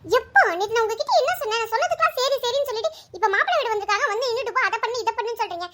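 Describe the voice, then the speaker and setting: A woman voicing a stubborn young daughter in her twenties in a cartoon, talking in a rapid, squeaky, pleading way. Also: animated, noisy background. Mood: protesting. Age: 20s. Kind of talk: cartoon voice acting.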